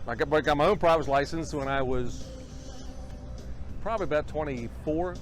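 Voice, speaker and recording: A man's voice: fairly high pitch, moderate pace, over music. A middle-aged or older man giving casual interview answers in a plain-spoken, folksy way, as an airshow announcer.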